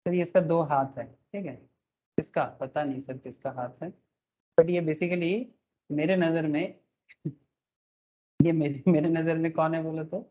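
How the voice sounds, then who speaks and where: A man's voice: fairly high pitch, fairly even intonation, a little slow, pauses often, muffled recording. A male teacher giving a tax class online, joking at his own drawings, calling his students "sir" and mixing in English terms. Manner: joking, self-mocking, calls students "sir".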